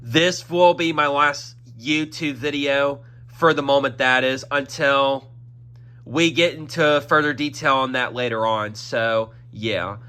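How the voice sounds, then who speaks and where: A man's voice: medium pitch, fairly even intonation, slow, bright, forceful tone, clear, resonant tone. A young man hosting his own YouTube channel, giving a rambling announcement with a congested throat, looping back on himself with "that is" and "y'all". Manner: repetitive, circles back with fillers like "that is" and "y'all". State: congested throat, occasional coughing. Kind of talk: rambling casual vlog announcement.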